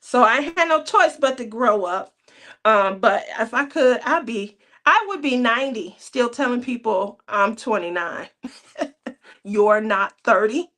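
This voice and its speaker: Brief: woman in her thirties, casual craft-chat host, teasing and laughing, slightly high voice. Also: unhurried, pushed and bright. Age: 30s. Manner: chatty, laughs often, teasing.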